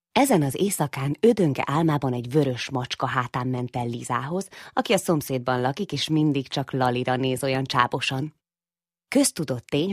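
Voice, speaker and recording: A woman narrating a children's story in a measured storytelling manner. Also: extremely low pitch, vocal fry, slightly rough, dry recording, studio quality.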